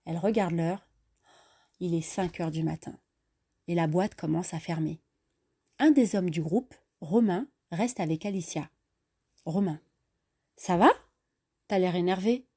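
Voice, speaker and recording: Woman reading out her own story, calm and even, kinda warm mellow tone. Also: on the low side, a little slow, long pauses, slightly rough. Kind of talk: scripted story narration.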